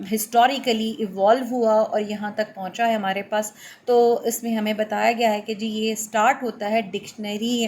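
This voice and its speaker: A middle-aged woman, explaining a lesson in a measured way, with many fillers and English terms. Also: mid-range voice, a little hiss or hum. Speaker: lecturer. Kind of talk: explanatory lecture.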